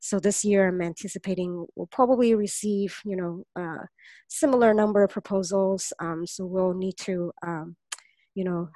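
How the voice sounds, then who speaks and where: A woman's voice: medium pitch, moderate pace, no room sound. Woman with a cold-strained voice. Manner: fillers, trails off quietly. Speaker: mentorship program organizer. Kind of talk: meeting announcement on a call.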